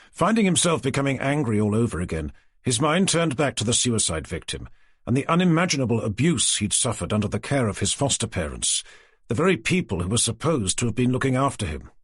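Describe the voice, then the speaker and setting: A man narrating an audiobook thriller in a steady, measured storytelling manner. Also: medium pitch, breathy edge, dry recording, clean studio sound.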